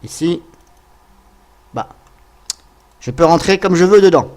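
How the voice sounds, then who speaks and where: A man's voice: fairly high pitch, lively intonation, slow, a little mellow. Chatty man thinking aloud in a tutorial. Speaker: tutorial host. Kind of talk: casual software tutorial narration.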